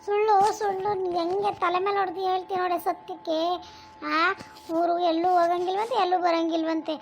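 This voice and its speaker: A woman's voice: very high-pitched, little pitch movement, a little fast, a little mellow, a little hiss or hum. A woman voicing a bitter old village grandmother in a cartoon, nagging and self-pitying as she scolds her daughter-in-law. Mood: scolding. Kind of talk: cartoon voice acting.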